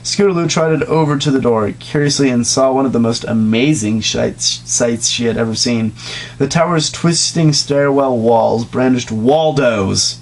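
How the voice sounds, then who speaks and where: A man reads comedic fan fiction aloud as an amateur, at a measured pace in a mid-range voice. The mock-dramatic, informal delivery includes joking asides and the odd stumble over words, captured in a rough recording with background noise.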